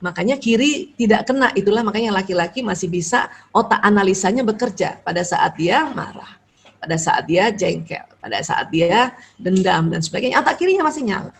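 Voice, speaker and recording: A woman's voice: medium pitch, animated, a little fast, vocal fry, a little hiss or hum. A middle-aged woman lecturer giving a religious talk on marriage and family, chatty, dotting her sentences with little tags and acting out short home dialogues. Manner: conversational, frequent "ya" tags, acts out little dialogues.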